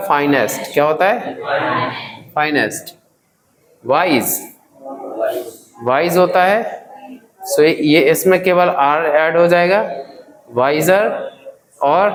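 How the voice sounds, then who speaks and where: A man's voice: fairly high pitch, roomy sound, slight background noise, rough recording. A man teaching grammar in a classroom, drilling students with repeated questions and calling them children. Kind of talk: classroom lesson.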